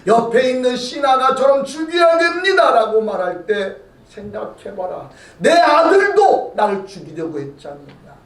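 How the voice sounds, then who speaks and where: Korean pastor preaching dramatically in a church. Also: male voice, high voice, sing-song, unhurried, few pauses, recorded from a distance. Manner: dramatic preaching, acting out scripture voices, bursts of shouting. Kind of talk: sermon. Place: church sanctuary. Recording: roomy church sound from off mic.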